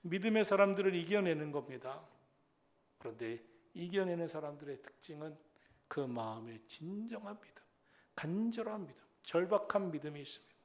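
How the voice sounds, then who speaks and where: A middle-aged man preaching a sermon as senior pastor, telling stories in an animated way that swings from hushed asides to loud exclamations. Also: fairly high pitch, normal speed. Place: church sanctuary.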